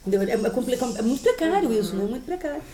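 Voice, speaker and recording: A woman lecturer talks fast and high in a university classroom. She tells stories with lively energy and laughs often. A faint hiss sits behind her voice. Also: reverberant. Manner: animated, storytelling, laughing often.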